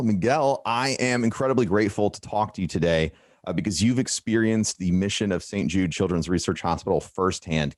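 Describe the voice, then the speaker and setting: A man interviewing a guest, enthusiastic and a little halting with restarts. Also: on the low side, no room sound, clean studio sound.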